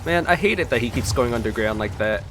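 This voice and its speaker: Playing a game as a let's play host, a man comments casually and talks directly to the game. He's a fast, animated talker with a medium pitch, heard over background noise, video game music and game audio.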